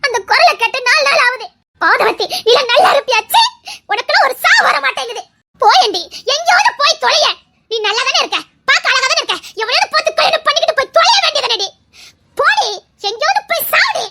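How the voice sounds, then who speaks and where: A woman's voice: extremely high pitch, lively intonation, fast talker, a little hiss or hum, full character voice. A woman voicing a fierce, protective middle-aged village mother in an audio drama, who scolds, curses and sobs. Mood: furious. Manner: scolding, shouting, cursing, sobbing. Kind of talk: Tamil audio drama acting.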